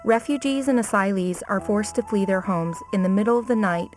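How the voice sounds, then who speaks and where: A woman giving calm, scripted narration for a documentary. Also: mid-range voice, over music. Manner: measured, informative.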